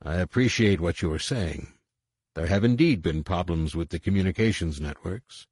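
A man's voice: low-pitched, moderate pace, darkish tone, slightly rough, dry recording, studio quality. A man voicing a formal, pompous male general who blusters under pressure. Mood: stiff.

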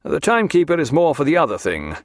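A man's voice: on the high side, wildly swooping pitch, fast, dry recording, clean studio sound, voice pushed up. A man voicing a hearty, good-humoured naval captain in an audiobook, with bluff, old-fashioned, confident speech. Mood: frank.

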